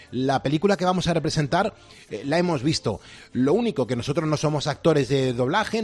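A man's voice: on the high side, darkish tone. A man with a Castilian accent from Spain hosting live radio in a chatty, emphatic way. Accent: Castilian Spanish from Spain. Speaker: radio host.

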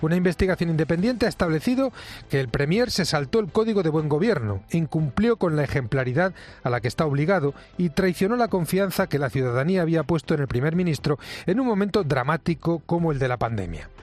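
A man with a Spain Spanish accent reading a scripted radio editorial in a formal, measured, critical way, recorded in a studio. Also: on the high side, expressive, darkish tone. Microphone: studio microphone.

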